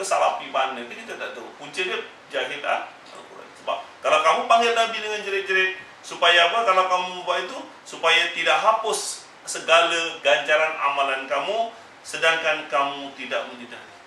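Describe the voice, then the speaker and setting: A man's voice: fairly high pitch, normal speed, pushed and bright, slight background noise. A man teaching a Quran exegesis class, admonishing his listeners emphatically and repeating his warnings. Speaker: religious teacher. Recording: echoey room, mic far off.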